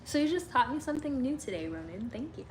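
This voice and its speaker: A woman's voice: sits high, very animated, fast talker, a little hiss or hum. A young woman from Illinois in the US Midwest, hosting a casual livestream, chatting with viewers, giggling often and saying "like" a lot. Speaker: livestream host. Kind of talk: casual livestream chat reading comments.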